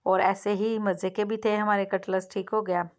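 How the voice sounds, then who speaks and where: A woman's voice: mid-range voice, level tone, normal speed. Homely woman narrating a kitchen vlog. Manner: homely, repeats "theek hai" and "mashallah" often. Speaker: cooking channel host. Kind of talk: casual cooking vlog narration. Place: home kitchen.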